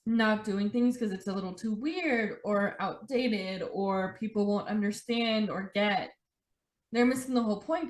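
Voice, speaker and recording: A young adult woman hosting a podcast in a relaxed conversation, talking chattily and saying "like" a lot. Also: medium pitch. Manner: chatty, says "like" often. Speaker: podcast host. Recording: roomy echo.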